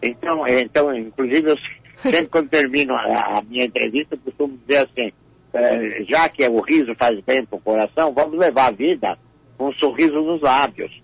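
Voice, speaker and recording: Gravelly older man, stammering repeats. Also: mid-range voice, a little fast, dry recording. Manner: repeats words often, storytelling. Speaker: comedian guest. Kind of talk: radio interview. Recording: muffled radio audio.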